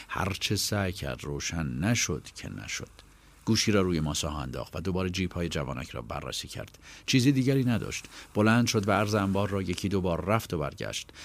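A man narrating a story in a calm, measured audiobook reading. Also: lowish voice. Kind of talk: scripted narration.

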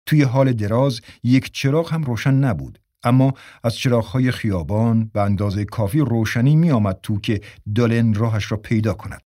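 Male audiobook narrator, measured storytelling, dry close recording. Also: mid-range voice, dark tone, dry recording. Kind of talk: scripted narration.

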